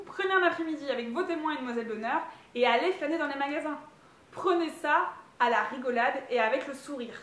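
A woman's voice: sits high, a bit bright, reverberant. A woman, a wedding planner giving upbeat advice straight to the viewer in a tutorial. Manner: upbeat, direct to camera.

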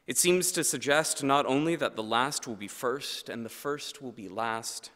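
Earnest and measured, this thirty-something man preaches into a lectern mic inside a large church, letting his phrases close low and quietly. Long church reverb surrounds his voice on the recording.

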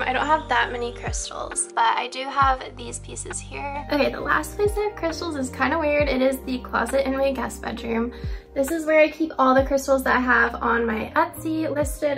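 A young woman giving a chatty, upbeat tour of her home in a casual vlog, filmed on a handheld camera. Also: high-pitched. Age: young adult. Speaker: vlogger. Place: rooms of a home, later a parked car.

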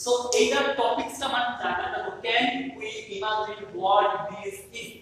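A man's voice: sits high, slow, fairly bright tone. A man teaching an English lesson, mixing English and Bengali and repeating each point. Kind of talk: online class lesson. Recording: echoey hall, distant mic, faint noise.

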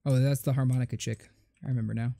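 A man's voice: medium pitch, fairly even intonation, fast talker, creaky, dark tone. A young man giving joking, sarcastic running commentary while playing a video game. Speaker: gaming host. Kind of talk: let's play commentary. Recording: faint game music behind.

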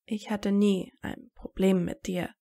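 A blunt teenage wizard hero, sarcastic and determined, talking straight to the point, as a woman reading a fan story gives him voice. The voice has a gravelly, creaky grain. It stays near her own reading voice. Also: medium pitch, steady tone, normal speed, a little mellow. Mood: blunt, tense.

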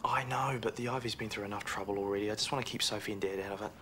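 An actor plays an indignant but conciliatory young flatmate in a TV soap. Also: male voice, lowish voice, very fast, slight background noise. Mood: reluctant. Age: 20s. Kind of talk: naturalistic TV soap acting.

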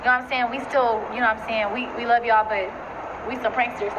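Young female vlogger, high-pitched, casual and emotional, on a noisy, reverberant phone video. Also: fairly even intonation, quick pace, highs cut off. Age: young adult. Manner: nervous, emotional. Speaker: vlogger in a gender reveal video. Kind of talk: casual excited talk to camera. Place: outdoors in a fenced yard. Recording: noisy, echoey outdoor phone video, played back.

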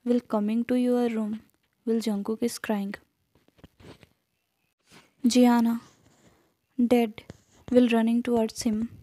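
Sex: woman. Role: fan fiction reader. Style: reading a story aloud. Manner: slow, flat, names before lines. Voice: fairly high, mellow. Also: no room sound.

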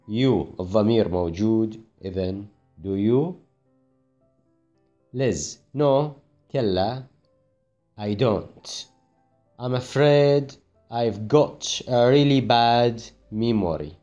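Man, English teacher, very slow, relaxed mellow voice, careful explanations. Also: on the low side, dull audio. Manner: explains in Arabic, reads English phrases slowly and carefully. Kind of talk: classroom grammar explanation.

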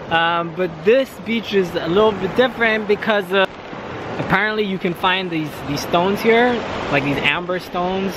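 A man's voice: sits high, normal speed, noisy background. A man casually hosting a travel vlog outdoors, joking and laughing as he goes. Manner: jokey, laughing, playful. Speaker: travel vlogger.

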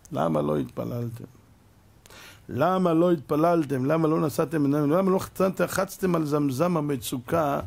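High-voiced man preaching with animated storytelling. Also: gravelly. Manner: animated storytelling, acts out dialogue, repeated rhetorical questions. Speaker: rabbi. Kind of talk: Torah lesson sermon.

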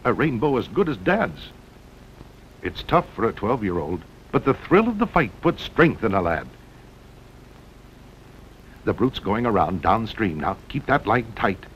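Very animated yet a little slow, with long pauses and a somewhat bright tone, an American man narrates a 1960s promotional documentary. He speaks dramatically in punchy short bursts, heard through a muffled old film soundtrack full of rumbling noise.

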